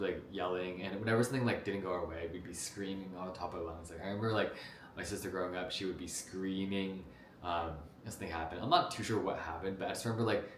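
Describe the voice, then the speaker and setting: Young guy from jersey just yapping to the camera, low voice, um and like everywhere, kinda echoey room. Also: a little hiss or hum. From New Jersey, United States. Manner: rambling, lots of "like" and "um", restarts. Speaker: vlogger. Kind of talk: casual talk to camera about his life. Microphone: camera mic.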